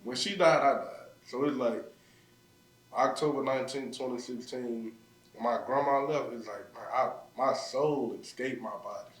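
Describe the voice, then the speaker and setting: A man's voice: mid-range voice, normal speed. Memphis man telling a raw story, roomy. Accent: Memphis Southern US. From Memphis, USA. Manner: raw, emotional, frequent "like" fillers. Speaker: podcast guest. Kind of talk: personal storytelling in conversation. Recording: roomy sound, mic at a distance.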